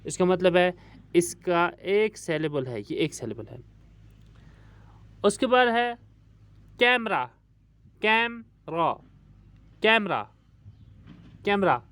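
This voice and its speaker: A man's voice: high voice, expressive, slow, pauses often, fairly bright tone, no echo. A male English teacher giving a recorded lesson to schoolchildren, patiently repeating each word several times and stretching it out. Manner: patient, addresses pupils as dear children. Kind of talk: recorded online classroom lesson.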